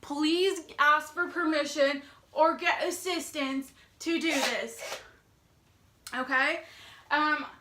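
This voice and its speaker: At home indoors, a woman vlogs to camera in a high, sharp-toned voice, the recording sounding roomy. She's chatty and bubbly, slightly breathless, and full of fillers.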